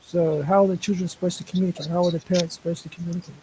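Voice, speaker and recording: A man with a fairly high but soft, mellow voice joins a casual stream panel as a guest. He trips over his first words and repeats himself, then states his point with conviction, with a faint hiss under the call. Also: steady tone, racing, poor audio. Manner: hesitant starts, repeats words, then speaks firmly. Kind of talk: casual online panel discussion. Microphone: voice call over a live stream.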